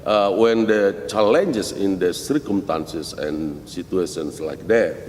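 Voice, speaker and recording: A middle-aged man with an Indonesian accent who is a missionary pastor, answering interview questions in halting English with many restarts. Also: darkish tone. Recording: roomy hall with faint rumble.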